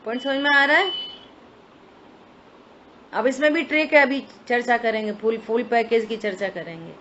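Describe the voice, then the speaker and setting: A woman's voice: a little high, normal speed, fairly bright tone. A woman giving a religious study discourse, explaining step by step and asking her listeners rhetorical questions. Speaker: scripture teacher. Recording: dull lo-fi recording with faint hiss.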